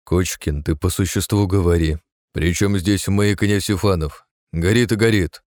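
A man's voice: deep voice, steady tone, normal speed, darkish tone, no room sound, studio quality, close to an everyday voice. Male narrator doing a curt, barking captain in an audiobook. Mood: gruff. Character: gruff, cold male secret police captain.

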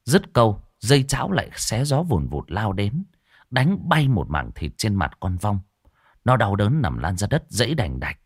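A man narrating a ghost story in a low, animated voice. His telling is vivid and dramatic, recorded dry and close. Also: normal speed, husky, no room sound.

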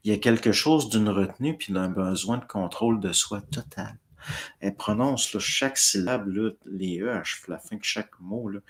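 Low gravelly Quebec French man rambling. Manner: rambling, ends phrases with a drawled "là". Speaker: host. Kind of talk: casual monologue answering viewers.

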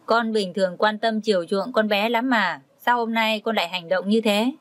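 Calm older father, lecturing gently, dry close read by a woman storyteller. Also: medium pitch, normal speed, no room sound, lightly acted. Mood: advising. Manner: reasoning, advising.

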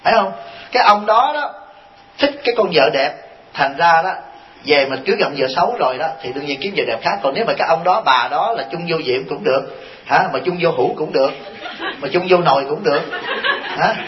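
A man's voice: a little high, animated, brisk, a little hiss or hum. A man, a Buddhist monk giving a folksy, joking dharma talk full of rhetorical questions. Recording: dull lo-fi recording.

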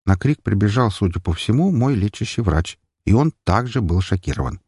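A male audiobook narrator with a low, husky voice that moves up and down a lot as he reads. The sound is dry and close, with no room echo. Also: animated, normal speed, a little mellow.

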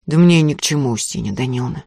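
A woman reading aloud voices a gruff, hungry teenage peasant boy who mutters hoarsely through his teeth. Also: extremely low pitch, expressive, fast, a little mellow, dry recording, studio quality, pitched below the performer's own voice, exaggerated voice. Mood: sullen.

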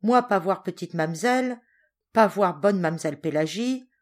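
Woman voicing a big blunt sailor, forties, loud broken pidgin, storybook. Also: expressive, moderate pace, lightly acted. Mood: pleading, insistent. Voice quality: broken pidgin French, booming. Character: burly sailor man in his forties, hearty and blunt.

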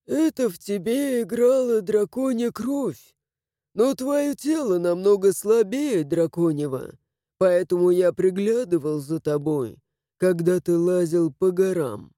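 A man voicing an ancient male dragon in an audiobook, calm, weary and lecturing. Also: sits high, dry recording, clean studio sound. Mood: explaining. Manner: measured, lecturing. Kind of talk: audiobook character voice.

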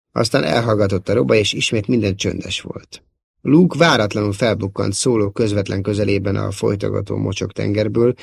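A man giving a steady, dramatic audiobook narration. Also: fairly low pitch, creaky, breathy edge, no echo, studio quality. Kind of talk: scripted narration.

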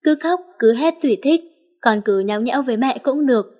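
A woman voicing a protective young mother who speaks softly and soothingly to her son in an audiobook story. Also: high voice, animated, fairly quick. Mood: tender. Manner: soft, soothing.

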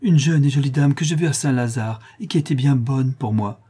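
A man reading an audiobook and voicing a gentle, modest, polite young girl. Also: mid-range voice, a little fast, breathy edge, voice pushed up, natural voice. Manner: soft and polite.

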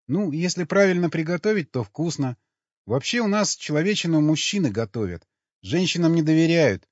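A man reading an audiobook, voicing a meek, naive young woman who talks in a soft, docile, matter-of-fact way. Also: on the high side, expressive, normal speed, no room sound, voice pushed up, lightly acted. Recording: dull lo-fi recording.

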